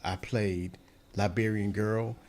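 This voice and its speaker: Low-voiced man, understated guest. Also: steady tone, slow, crowd noise. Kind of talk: casual chat.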